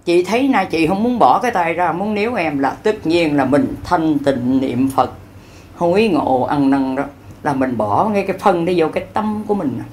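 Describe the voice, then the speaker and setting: A woman's voice: low voice, animated, moderate pace, a little mellow. Rambling preacher woman. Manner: rambling, colloquial, with acted-out dialogues and frequent fillers. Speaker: lay Buddhist preacher. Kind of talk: improvised folksy sermon.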